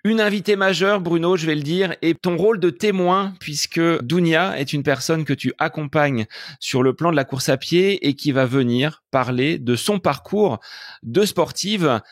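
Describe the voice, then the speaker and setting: A man's voice: a little high, normal speed, no echo. Podcast host man, dry close sound. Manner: formal, structured questions. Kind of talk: podcast interview.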